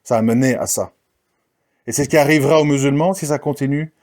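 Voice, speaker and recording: A man's voice: medium pitch, quick pace, a little mellow. Combative man ranting into the mic. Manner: combative, challenging the listener, mocking quoted voices. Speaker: commentator. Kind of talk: ranting monologue.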